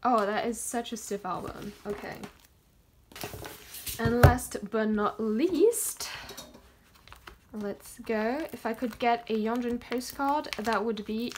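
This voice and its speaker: A woman chatting casually as she unboxes photocards, gushing and excitable, gasping and counting down before each pull. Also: on the high side, normal speed, few pauses, noisy background. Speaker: kpop collector vlogger.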